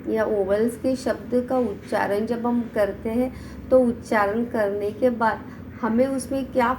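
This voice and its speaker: Woman teacher, unhurried, going word by word through vocab lists, faint hiss. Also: on the high side, darkish tone, low-quality recording. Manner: reads word lists aloud one by one, explaining in between. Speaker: English teacher. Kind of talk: slow online vocabulary lesson.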